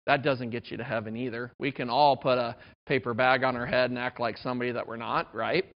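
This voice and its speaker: A man in his thirties delivers a sermon in a relaxed, chatty way, with jokes at his own expense. His voice sits at a middle pitch. The recording is dull and lo-fi. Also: a little fast. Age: 30s. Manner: conversational, self-deprecating humor. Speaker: pastor.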